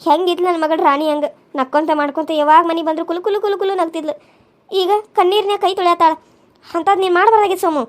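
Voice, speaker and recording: A woman's voice: sits high, little pitch movement, very fast, hardly any pauses, lightly acted. A woman voicing an angry older mother-in-law in a cartoon serial, scolding. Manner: scolding, reproachful.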